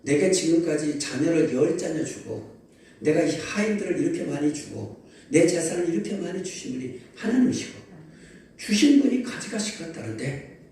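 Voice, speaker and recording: A male pastor delivers a Sunday sermon in a lively storytelling manner, often calling out to his listeners. His voice is mellow and dark. He is picked up from a distance in a very echoey church hall with faint ambience behind him. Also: fairly high pitch, moderate pace, a little hiss or hum. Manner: lively storytelling preaching, calls to the congregation. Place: large church sanctuary.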